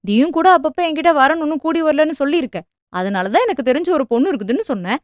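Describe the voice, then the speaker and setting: A woman voicing an anxious, talkative middle-aged mother who scolds quickly and defends herself. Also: high-pitched, expressive, no echo, studio quality. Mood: defensive scolding. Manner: fast, fretful, scolding.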